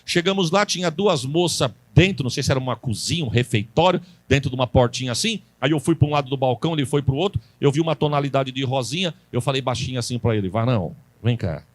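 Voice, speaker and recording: A man's voice: medium pitch, fast talker, few pauses. A Brazilian man preaching a live church sermon, telling homely stories and rising into fervent calls for the congregation to respond. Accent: Brazilian Portuguese. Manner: folksy storyteller who rises into fervent calls to the congregation. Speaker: pastor. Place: church service with congregation and musicians.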